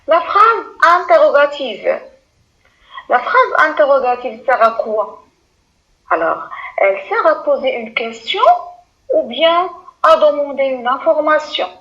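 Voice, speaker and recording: A woman's voice: high voice, very animated, takes it slowly, long pauses, a bit bright, muffled recording. A woman teaching a lesson to primary school pupils, speaking patiently, repeating words and addressing the class directly.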